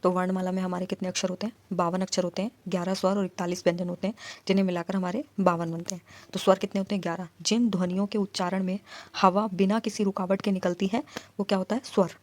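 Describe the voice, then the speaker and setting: A woman teaching an exam-prep grammar lesson, putting questions to the class and answering them herself, and reciting letter sounds in slow lists. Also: fairly low pitch, level tone, darkish tone.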